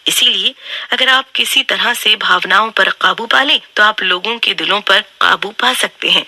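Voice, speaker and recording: A woman narrating a book summary in a steady, instructive, scripted way. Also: mid-range voice, moderate pace, dry recording.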